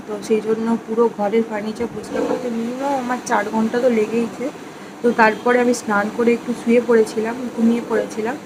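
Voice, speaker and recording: Woman vlogging from home, kinda high voice but flat, noisy background, chatty. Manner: chatty, addresses viewers as friends; talks softly to avoid waking someone. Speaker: family vlogger. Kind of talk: casual vlog chat.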